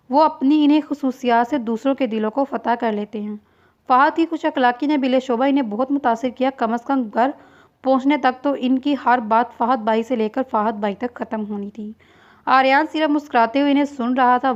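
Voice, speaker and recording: A woman with a high voice reads a novel aloud in scripted narration. She keeps an even, read-aloud delivery and voices every character herself. The recording is dull and lo-fi, like a simple home setup. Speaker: novel reader.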